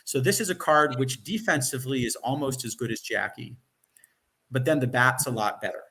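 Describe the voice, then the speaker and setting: A man's voice: mid-range voice, fairly quick, creaky, pushed and bright. A man giving casual analytical commentary on a card game, explaining his reasoning point by point.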